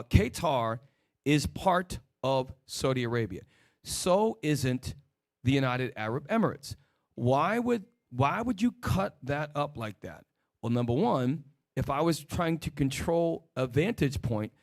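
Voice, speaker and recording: A man leads a religious teaching session, firing rhetorical questions and short commands to an assistant. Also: medium pitch. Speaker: religious teacher leading a discussion.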